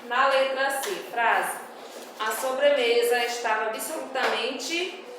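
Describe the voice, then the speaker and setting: A woman, a primary school teacher going over homework answers with young children, patient and drawing her words out clearly. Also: fairly high pitch. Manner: slow, patient, reads words out syllable by syllable for young pupils. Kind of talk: recorded homework correction for children. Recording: very echoey room, voice far from the mic, faint noise.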